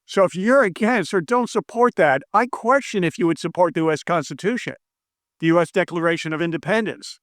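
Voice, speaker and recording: This is an earnest video lesson from an American monetary economist, filmed indoors against brick and stone walls. He speaks briskly in a fairly high voice, recorded close and dry with no echo. Forceful in manner, he keeps driving home one point, repeats his main claims, and stumbles on foreign names.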